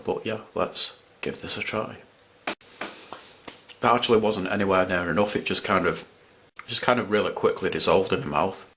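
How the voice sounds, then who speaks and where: A man's voice: deep voice, moderate pace, long pauses, fairly bright tone, slight background noise. A man chatting casually as he reviews candy on camera, rambling and restarting his sentences. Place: at home in front of a camera.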